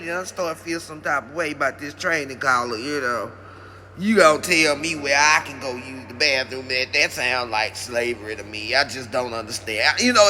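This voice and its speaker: A man's voice: a little high, pushed and bright, slight background noise, pitched below the performer's own voice. A man voicing an indignant male service dog who complains at length that he is not paid. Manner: aggrieved, complaining, long-winded.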